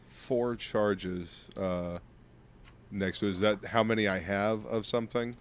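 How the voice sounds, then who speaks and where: Low-voiced man, halting and unsure. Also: steady tone. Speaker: tabletop game player. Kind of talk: casual game chat.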